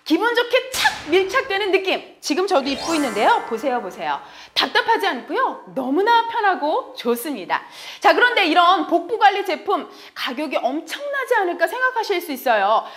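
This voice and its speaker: A woman's voice: very high voice, very animated, moderate pace, hardly any pauses, fairly bright tone. A woman presenting a home shopping product in an emphatic, persuasive hard-sell ad style, often posing rhetorical questions.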